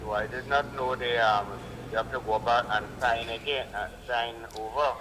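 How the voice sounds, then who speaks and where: A male caller heard over a phone on speakerphone, sounding a little distant. He talks in a halting, hesitant way at an ordinary pitch. The call carries a long reverb and clear background noise. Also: fairly even intonation. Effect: phone call on speakerphone, distant from mic. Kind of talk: call-in question.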